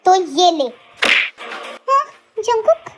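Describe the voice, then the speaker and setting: A woman's voice: extremely high pitch, very animated, slow pace, very noisy, full character voice. A woman voicing a hot-headed, jealous young man who threatens and protects in a dramatized story reading. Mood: furious. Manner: threatening, blunt.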